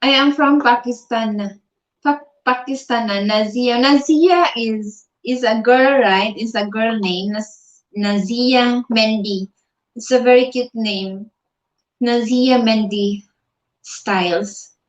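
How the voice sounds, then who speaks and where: A woman's voice: on the high side, slow, highs cut off. A Filipino woman doing a casual livestream from her bed on her phone, reading out viewer comments, mixing Tagalog and English and laughing often. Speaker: livestream vlogger. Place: in bed at home.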